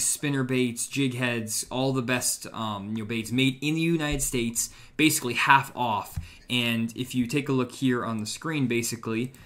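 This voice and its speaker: A young man hosting a live stream, talking casually and eagerly promoting seminars and products with frequent fillers, over a video call from a room at home. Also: fairly bright tone. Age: young adult. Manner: enthusiastic promotional pitch with fillers. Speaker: host.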